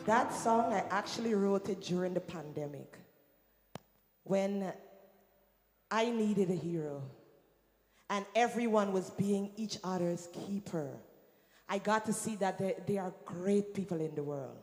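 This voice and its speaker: Guyanese woman, singer doing stage banter, lively crowd calls, mid pitch, big reverberant hall. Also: unhurried, long pauses, faint music behind. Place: large venue on stage. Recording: echoey hall with long reverb.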